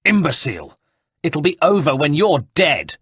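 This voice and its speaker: Guy doing a furious villain yelling threats, pitched up high and loud, husky edge. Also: expressive, moderate pace, dry recording, clean studio sound. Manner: shouting, snarling threats. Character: furious, vengeful male villain, adult.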